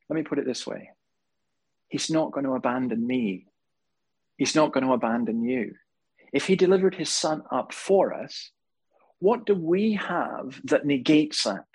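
A man preaching a sermon to a congregation, telling stories with humor and animated emphasis. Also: fairly high pitch, breathy edge, rough recording. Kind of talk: sermon with storytelling. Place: church hall before a live congregation.

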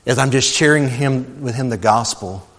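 A man's voice: mid-range voice, moderate pace, a bit bright, in a large hall. A male pastor preaching a sermon, telling a personal story earnestly and calling his listeners beloved.

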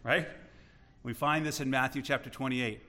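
A man preaching a sermon, telling Bible stories with lively acted-out voices and frequent questions to his audience. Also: medium pitch, moderate pace. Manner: animated storytelling, acting out Bible voices.

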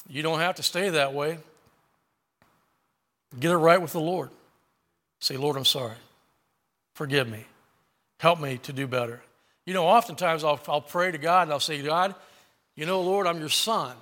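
A man's voice: fairly high pitch, fairly bright tone. A middle-aged man preaching a sermon, telling a personal story in a folksy way and reading scripture aloud.

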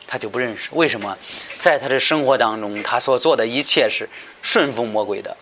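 A man's voice: mid-range voice, a little fast, sharp tone, slight background noise. A man teaching a Bible study lecture, talking hesitantly with many fillers and repeated words, often asking his listeners questions.

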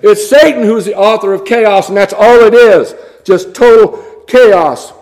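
A man with a notably high voice delivers a sermon. His preaching is blunt and scornful, and he reads scripture in old-fashioned wording. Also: a little slow, darkish tone.

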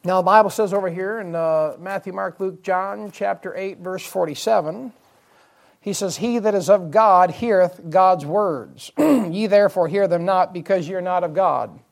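A man's voice: high voice, moderate pace, creaky. A man preaching a midweek evening sermon in church, explaining Bible verses, repeating key phrases and asking the congregation rhetorical questions. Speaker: pastor.

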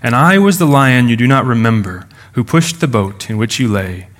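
A man reading a solemn, deep-voiced lion. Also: lively intonation, fairly bright tone, lightly acted. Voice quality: deep, low and slow. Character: solemn majestic male lion, deep and calm.

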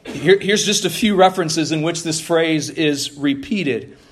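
A man preaching an expository sermon, reading scripture aloud and teaching deliberately with rhetorical questions. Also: fairly high pitch.

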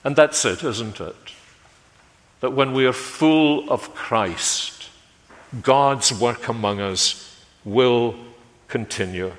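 A man delivers a sermon at an unhurried pace, his voice sitting in a middling register. He lets each phrase sink to a quiet close. The sound carries a long, ringing church reverb. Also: mid-range voice. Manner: measured, lets phrases fall away quietly at their ends. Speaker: preacher.

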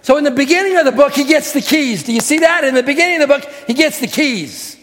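Preaching to his church, a pastor with a remarkably high voice moves between calm, rapid teaching and slower, shouted key lines. The sanctuary's hall wraps everything in a long reverb, and the whole sermon is fervent.

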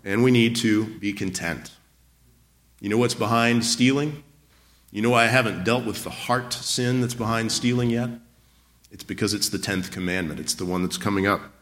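A man's voice: lowish voice, normal speed, a bit bright. A man pastor preaching a sermon, building to emphatic points with rhetorical questions.

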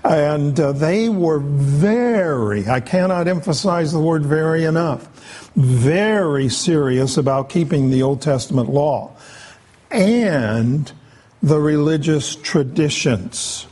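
A man preaching a sermon, explaining scripture in an unhurried way with frequent pauses. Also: a little high, a little mellow. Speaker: pastor.

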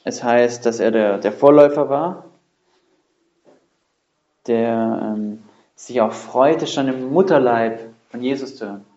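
A man's voice: medium pitch, measured pace, pauses often, dark tone. A man preaching a sermon earnestly and emphatically, with rhetorical questions and repetition. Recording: roomy, dull lo-fi sound.

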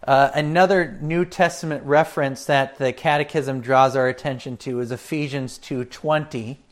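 A pastor giving a catechism teaching talk, unhurried, with frequent fillers and asides to his listeners. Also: medium pitch, steady tone.

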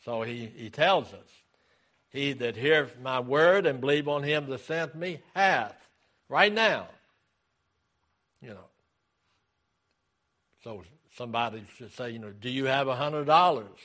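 Slow, deliberate male preacher. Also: medium pitch, expressive, a bit bright. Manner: deliberate preaching, repeating key phrases. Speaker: pastor. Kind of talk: sermon.

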